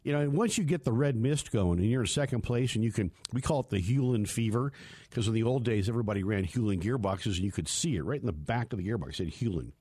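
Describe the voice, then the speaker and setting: A man hosts a motorsport radio show from a studio, rambling through stories in a chatty, self-mocking way. His voice is lowish, dark, and breathy, fast and expressive, with no echo.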